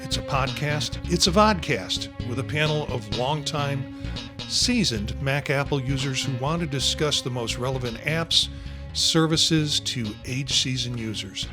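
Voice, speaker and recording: A man in his sixties hosts a podcast panel, rambling through a casual chat with many fillers. He has a mid-range voice and speaks a little slowly, with music in the background.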